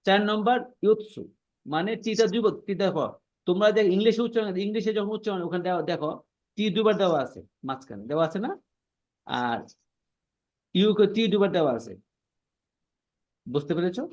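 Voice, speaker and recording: Male language teacher, fairly high voice, patient and repetitive, checks understanding often; muffled online-class audio. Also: lively intonation, fairly quick, long pauses, a little mellow. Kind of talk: online class explaining pronunciation.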